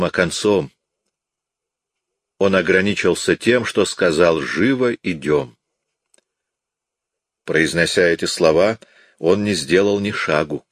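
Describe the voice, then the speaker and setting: A man narrating an audiobook in a measured, dramatic reading. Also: low voice, no room sound, studio quality. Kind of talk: scripted narration.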